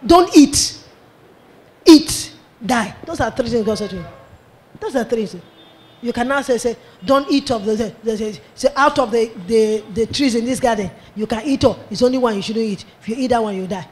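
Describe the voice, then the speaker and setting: Male Nigerian preacher, high pitched, lively sermon delivery. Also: brisk. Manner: animated, acts out dialogue in pidgin.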